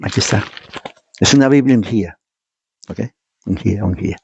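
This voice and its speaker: Preacher, male, emphatic and argumentative, mellow husky tone. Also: fairly low pitch, normal speed, no echo. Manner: emphatic, argumentative, repeats points, mimics others. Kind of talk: informal teaching sermon. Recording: dull, muffled dry sound.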